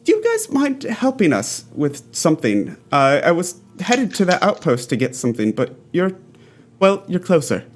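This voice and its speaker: A man's voice: on the high side, huge pitch swings, normal speed, pitched above the performer's own voice. A man voicing a blunt halfling shepherd woman in her thirties who talks with many uhs and ums. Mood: earnest, hesitant. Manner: hesitant, full of uh and um.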